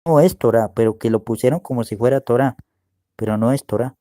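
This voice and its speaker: A man's voice: mid-range voice, mellow, no echo, clean studio sound. A man preaching and teaching Bible words to his listeners, walking them through a screen share and often asking if they can see. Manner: slow, explaining, asks "¿ve?" often.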